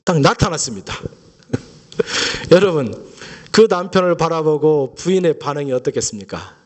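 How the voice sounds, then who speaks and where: Storytelling pastor preaching a lively sermon. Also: male voice, on the high side, normal speed. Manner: lively storytelling with rhetorical questions to the congregation. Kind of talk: Sunday sermon.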